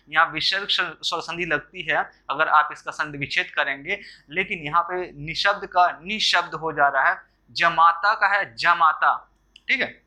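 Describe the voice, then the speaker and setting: A man's voice: a little high, bright, forceful tone. A man teaching correct Hindi spelling for exam preparation, going through words one at a time with frequent fillers and restarts. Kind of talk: exam-prep spelling lesson.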